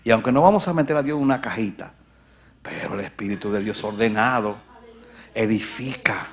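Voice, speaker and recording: A male pastor preaching a sermon to his congregation, swinging from shouts to near whispers and asking the crowd questions along the way. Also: lowish voice, a little fast. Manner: conversational asides to the congregation. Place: church.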